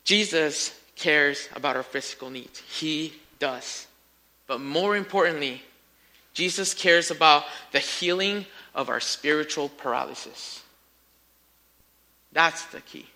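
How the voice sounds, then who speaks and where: A man preaching a sermon, telling a story with lively emphasis and speaking to his listeners as friends. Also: a little high, slow. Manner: animated storytelling, rising to near-shouts in acted quotes.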